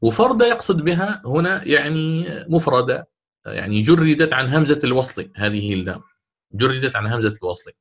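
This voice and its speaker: A man, a sheikh, explaining a recitation poem in a lesson, chanting the verses slowly and checking his listeners with quick questions. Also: medium pitch, big pitch swings, a bit bright. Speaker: sheikh teaching Quranic recitation.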